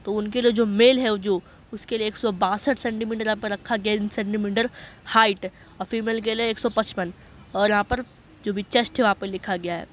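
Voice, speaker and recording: A man walking viewers through a job notice in a voice-over on a screen recording. He talks in a chatty way, keeps checking that listeners follow, and reads English passages slowly. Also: high-pitched, steady tone, a little hiss or hum. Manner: chatty, repeats "okay" to check understanding. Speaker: online job-notice explainer.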